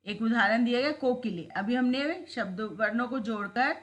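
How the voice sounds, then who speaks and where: A woman teacher giving a lesson, explaining step by step and saying words slowly so students can repeat after her. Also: on the high side, heavy reverb. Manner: slow, clear, repeats words for students to follow.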